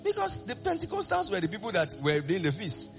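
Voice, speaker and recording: A man preaching a sermon, animated and sing-song, asking the congregation call-and-response questions. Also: high-pitched, brisk, vocal fry, music in the background.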